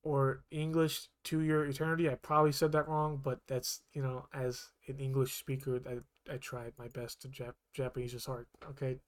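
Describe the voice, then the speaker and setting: Barely pausing, a podcast co-host chats casually at a moderate pace and medium pitch. He rambles evenly, often starting over and correcting himself.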